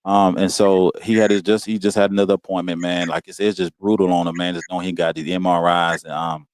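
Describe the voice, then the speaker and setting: Deep-voiced American man, dry sound. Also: little pitch movement, quick pace, smooth, dry recording. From United States. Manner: informal, heartfelt, peppers speech with "man" and "you know what I'm saying". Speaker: guest. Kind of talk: casual personal storytelling.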